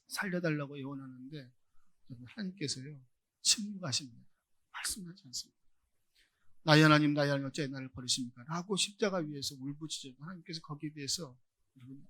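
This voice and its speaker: A man preaching a sermon as pastor, often addressing the congregation and building to loud, emphatic rhetorical questions. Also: on the high side, slightly rough, no room sound.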